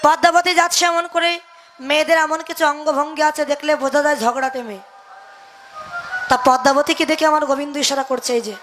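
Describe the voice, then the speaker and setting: A woman's voice: high voice, steady tone, a little fast, loud music behind the voice. A young woman performing devotional kirtan storytelling, preaching and acting out her characters' lines. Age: young adult.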